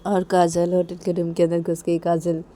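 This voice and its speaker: Woman storyteller, casual narration, repetitive linking phrases, low voice, mellow tone. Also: monotone, moderate pace, slight background noise. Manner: simple, repetitive phrasing with many linking 'then's.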